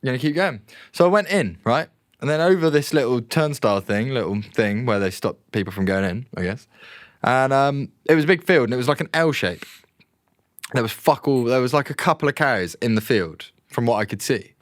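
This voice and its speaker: A man with an English accent, co-hosting a casual podcast and telling stories in an animated, sweary way. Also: mid-range voice, brisk, dry recording, clean studio sound. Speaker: podcast co-host.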